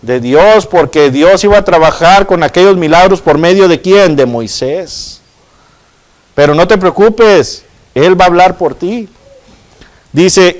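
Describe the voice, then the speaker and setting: A man with a notably high voice delivers a sermon. He reads scripture aloud and keeps turning to his congregation with rhetorical questions, calling them brothers. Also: poor audio. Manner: peppers speech with rhetorical questions and "verdad"; addresses listeners as brothers. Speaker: preacher. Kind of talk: sermon with Bible reading.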